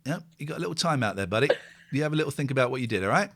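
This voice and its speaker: An English host in his forties, nearing fifty, chats casually on a live stream, animated, rapid-fire and a bit bright. His pitch swings widely from low mutters to sudden high bursts. He rambles, repeats himself and pokes fun at himself while reading viewers' comments aloud.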